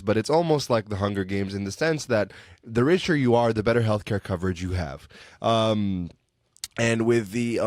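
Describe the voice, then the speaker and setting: A man with a fairly low voice talks through a topic at length on a casual discussion panel, leaning on plenty of "um" and "uh" as he goes. The sound is dry and close, with no room around it. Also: dry recording. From Canada. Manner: talkative, explains at length with fillers.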